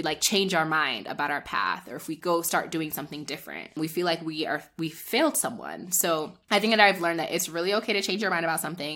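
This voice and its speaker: A low-pitched woman, talking as a guest on a podcast. Her voice has a sharp, forward brightness, and she thinks aloud in a relaxed, reflective way with plenty of fillers. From United States. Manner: reflective, frequent filler words. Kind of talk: casual conversational interview.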